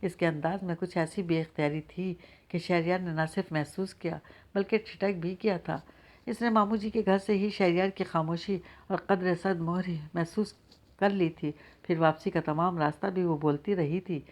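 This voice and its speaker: Woman narrator with a slightly low voice. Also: steady tone, darkish tone. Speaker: audiobook narrator. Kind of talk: scripted novel narration.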